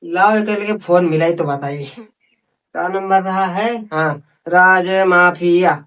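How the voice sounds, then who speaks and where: A man's voice: high voice, fairly even intonation, slow, fairly bright tone, recorded from a distance. A man playing an idle bidi-smoking village stoner in a comedy skit, with an Awadhi accent and a lazy drawl. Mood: impatient.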